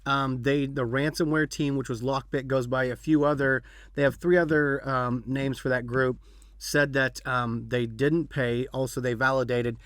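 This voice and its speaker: A man hosts a podcast in a mid-range, fairly bright voice with fairly even intonation at a normal speed. He chats casually and rambles, using fillers and restarting sentences. The clean studio recording has no room sound.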